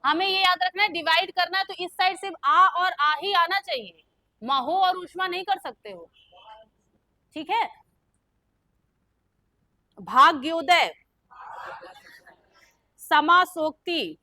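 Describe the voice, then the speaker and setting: A woman's voice: very high voice, expressive, unhurried, long pauses, sharp tone, no room sound. A young woman teaching a grammar lesson, who keeps quizzing her students with questions and then answers them herself. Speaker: Hindi teacher.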